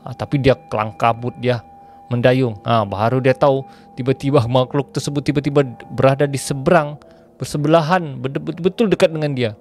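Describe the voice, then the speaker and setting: A man telling a ghost story in a chatty way, pausing to explain local slang to his viewers. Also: mid-range voice, fairly even intonation, a little mellow, faint music behind.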